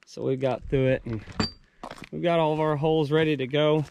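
A man's voice: a little high, fairly even intonation, fairly quick, gravelly, a little mellow, dull audio, a little hiss or hum. A young man filming a casual vlog outdoors on a ranch, explaining a construction job step by step with many ums and restarts. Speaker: rancher and vlogger. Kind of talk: casual on-site vlog narration. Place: outdoors on a ranch building site. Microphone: handheld action camera at arm's length.

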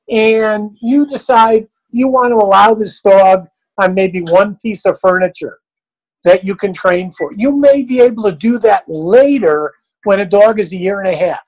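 A man's voice: sits high, unhurried, poor audio. An older man, a dog trainer, answering questions in a blunt, folksy, plain-spoken way.

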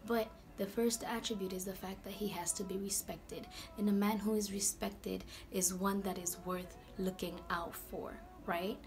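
A woman hosting a casual Bible talk vlog in a chatty, slangy, animated way. Her voice is going hoarse. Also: medium pitch, normal speed, hardly any pauses, soft background music. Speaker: video host.

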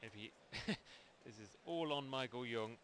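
A man's voice: mid-range voice, measured pace, fairly bright tone. A man adding enthusiastic expert remarks as co-commentator at an equestrian event. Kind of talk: sports commentary. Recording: outdoor broadcast with crowd noise.

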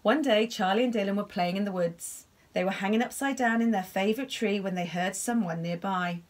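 A woman reading a bedtime story aloud to children, gasping and pausing to ask them about the pictures. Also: medium pitch. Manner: expressive, gasping, asks the listener questions about the pictures.

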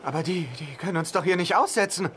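A man's voice: high voice, fast talker, a bit bright, slight background noise. A man dubbing a hot-headed young man in a film, bickering and sarcastic. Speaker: dub actor. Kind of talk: German film dub.

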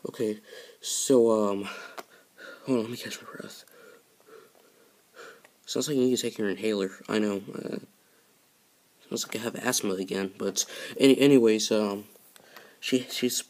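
A man's voice: medium pitch, darkish tone, lightly acted. A man voicing an anxious, earnest male car friend in a homemade toy story, stammering and short of breath.

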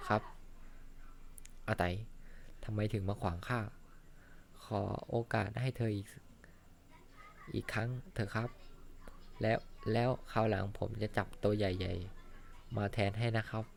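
A man voicing a kind young fisherman in a fan-dubbed cartoon, speaking in a soft, caring, reassuring way. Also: fairly low pitch, fairly even intonation, slow pace, creaky, pauses often. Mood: pleading. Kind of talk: Thai fan dub of an animated series.

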